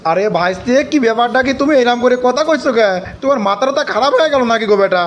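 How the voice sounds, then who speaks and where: Excitable village uncle, comic cartoon, high voice, fast talk, gossipy repetition. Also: male voice. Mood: puzzled, coaxing. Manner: calling out, repeating news eagerly. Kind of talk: comic cartoon dialogue, rustic dialect.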